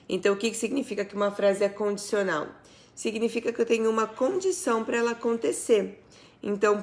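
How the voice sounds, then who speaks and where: A woman teaching a live online English lesson, explaining patiently and asking her viewers questions. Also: medium pitch.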